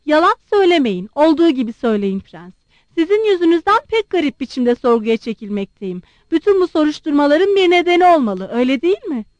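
A woman reading aloud and voicing a proud, blunt young woman who questions her suitor sharply and quickly. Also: high voice, very animated, darkish tone, no room sound, lo-fi sound, pitched above the performer's own voice. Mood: sharp demanding.

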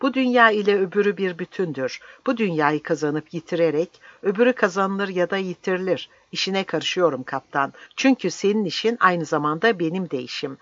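A reader voicing a fiery old village priest who shouts his defiance in an impassioned, declaiming way, on a dry, slightly dull recording. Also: mid-range voice, a little fast, few pauses, no room sound, pitched above the performer's own voice, lightly acted. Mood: defiant, shouting.

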